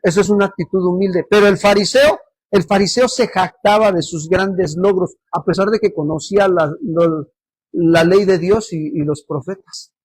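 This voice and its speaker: A man's voice: high voice, moderate pace, a little mellow, slightly rough, dry recording. A man preaching a sermon as pastor, often putting questions to the congregation for them to answer. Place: church service.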